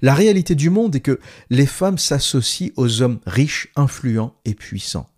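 Man, mellow dark voice, solemn scripted reading, measured declarative delivery. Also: medium pitch, lively intonation. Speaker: narrator.

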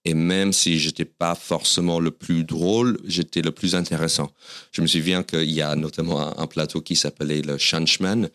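Deep-voiced man with an American accent. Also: level tone, normal speed, fairly bright tone. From United States. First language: English. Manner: storytelling, self-deprecating. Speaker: stand-up comedian guest. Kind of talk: podcast interview.

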